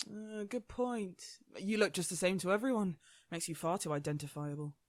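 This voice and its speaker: A woman's voice: fairly low pitch, normal speed, no room sound, natural voice. A woman playing War, a gleefully menacing, smug immortal gang boss with a taunting, sweary manner, in a radio play. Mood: smug, sly.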